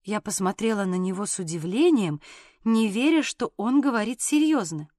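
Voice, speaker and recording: A woman giving calm, measured first-person narration of a literary audiobook. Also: medium pitch, dry recording, studio quality.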